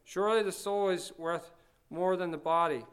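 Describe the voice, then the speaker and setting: A man reading aloud the lines of a grave, devout Swiss believer, earnest and calm. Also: high-pitched, normal speed, smooth.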